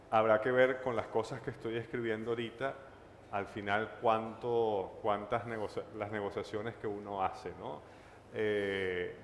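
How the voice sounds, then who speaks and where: A Venezuelan man from Caracas speaks with a low voice. He thinks aloud on a panel, hesitant and full of fillers and tag questions. His voice carries a long hall reverb with faint noise behind it. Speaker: panelist, writer. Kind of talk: panel talk at a book fair. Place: large hall at a book fair.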